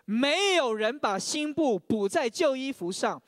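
A man's voice: very high voice, expressive, measured pace, fairly bright tone, no room sound, clean studio sound. A man preaching a sermon, sharing his own testimony, often stammering over repeated words and leading the congregation in reading scripture aloud.

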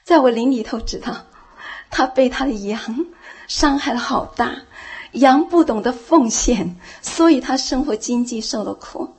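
A woman's voice: high voice, a little slow, a little mellow, husky. A woman giving a heartfelt personal testimony in church, telling her story earnestly and growing fervent. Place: church, speaking from the front.

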